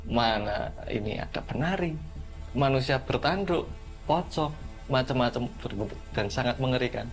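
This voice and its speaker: A man giving an earnest, measured testimony about a friend's possession. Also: medium pitch, lively intonation, faint music behind. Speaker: interviewee, friend of the possessed girl. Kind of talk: testimony narration.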